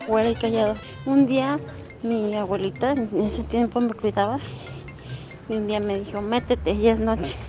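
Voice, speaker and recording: A woman's voice: fairly high pitch, fairly even intonation, normal speed, music in the background. A woman telling a childhood story in a matter-of-fact way.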